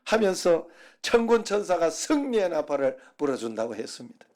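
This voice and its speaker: Man, middle-aged, slightly high voice; folksy, humorous Sunday sermon. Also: animated, moderate pace, darkish tone. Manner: folksy, humorous storytelling with dialect jokes. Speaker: pastor.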